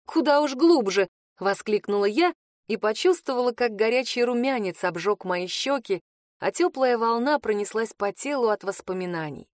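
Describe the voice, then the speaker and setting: A woman narrating a first-person novel as an audiobook, lively and expressive. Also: a little high, moderate pace, no room sound, clean studio sound.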